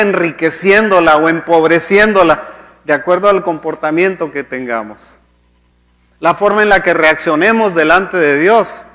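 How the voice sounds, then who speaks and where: A man's voice: high voice, fairly bright tone. A male pastor preaching a sermon in a conversational way. He often restarts his sentences and checks in with the congregation. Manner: conversational, many restarts and "¿sí?" checks, acts out quoted complaints. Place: church hall. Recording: church hall reverb.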